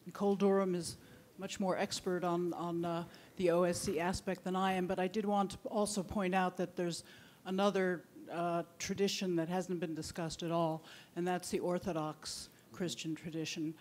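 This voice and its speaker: A woman's voice: fairly low pitch, level tone, normal speed, darkish tone, slight background noise. A woman from a religious freedom commission speaking from the audience in a conversational way, often restarting her phrases. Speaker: commission staff member in the audience.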